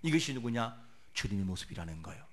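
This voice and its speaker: A man preaching a sermon as a pastor, asking rhetorical questions and moving between soft and loud delivery. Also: fairly low pitch, big pitch swings, quick pace.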